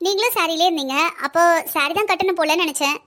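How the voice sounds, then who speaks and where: Lady as a polite new bride in a cartoon, very high bright voice, talks fast. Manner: polite, respectful. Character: polite, soft-spoken young newlywed bride. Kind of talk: cartoon story voice acting.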